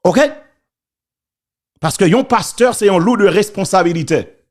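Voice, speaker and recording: Emphatic high-voiced Haitian man. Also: unhurried. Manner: preachy, emphatic, repeats key phrases. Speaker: commentator on church and politics. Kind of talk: casual spoken commentary.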